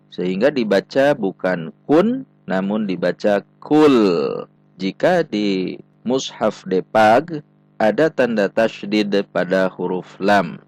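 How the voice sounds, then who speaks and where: A man with a low voice teaches Quran recitation at a very slow, careful pace, stretching out syllables as he demonstrates each sound. The sound is close and dry, with no room echo. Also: a little mellow. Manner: patient, methodical, drawn-out syllables when demonstrating. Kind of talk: tajwid lesson with slow recited examples.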